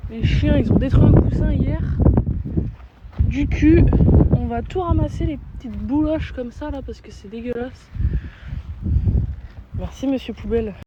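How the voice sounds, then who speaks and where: A young female vlogger with a high, expressive voice chats casually and playfully to her viewers on a handheld phone, using slang and asking what they think. She speaks at a measured pace with long pauses. The lo-fi phone audio is dull, with music playing and heavy background noise.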